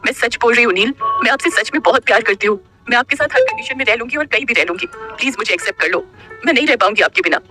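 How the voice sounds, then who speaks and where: A man's voice: extremely high pitch, very fast, over music, pitched above the performer's own voice. A man voicing a desperate young woman in love, pleading in a choked, tearful voice in an audio story. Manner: pleading, tearful, then defiant.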